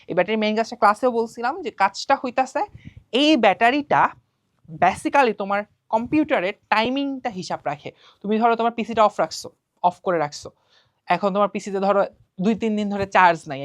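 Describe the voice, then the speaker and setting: A woman's voice: medium pitch, no echo, studio quality. A young woman teaching an online class, talking casually and asking and answering her own questions as she works through quiz items.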